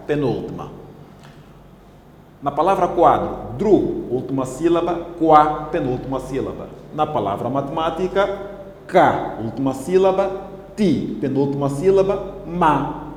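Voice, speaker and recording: A male teacher with an Angolan Portuguese accent, giving a televised classroom lesson and spelling out syllables slowly and deliberately. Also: mid-range voice, darkish tone, slight background noise. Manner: slow, deliberate, syllable-by-syllable explaining. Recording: echoey room with long reverb.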